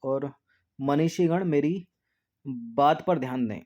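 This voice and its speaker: A man runs exam practice by repeating words for spelling drills, often following each answer with a hushed, low aside. He goes at a slow pace, and the recording's highs are cut off.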